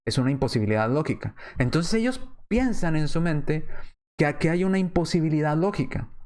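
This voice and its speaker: A man preacher giving an apologetics lesson, methodical, asking rhetorical questions and repeating his points slowly. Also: a little high, lively intonation, darkish tone.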